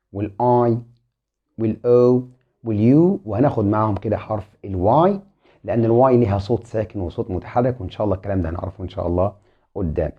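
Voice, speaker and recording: A man's voice: fairly low pitch, breathy edge. A man with an Egyptian Arabic accent teaching an online English lesson, saying each letter twice and politely addressing viewers as a group. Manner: spells letters aloud, repeating each twice. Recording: muffled lo-fi sound.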